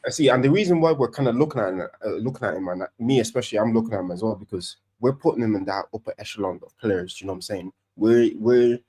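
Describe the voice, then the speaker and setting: A man co-hosting a casual football podcast, talking in an animated, rambling way with many restarts. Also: fairly low pitch, fast talker, hardly any pauses, husky. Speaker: podcast co-host, Arsenal fan.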